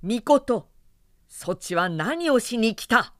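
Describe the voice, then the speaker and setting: A woman's voice: mid-range voice, big pitch swings, unhurried, no echo, clean studio sound. A stern, commanding sun goddess, as a woman narrator puts her on. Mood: stern scolding. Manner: raised, scolding voice.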